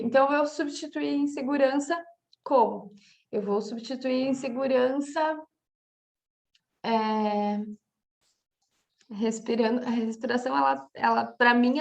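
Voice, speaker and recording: High-pitched and gravelly, this woman's voice carries a Brazilian Portuguese accent as she coaches a class informally. She works through examples and keeps checking in with frequent "tá?" fillers.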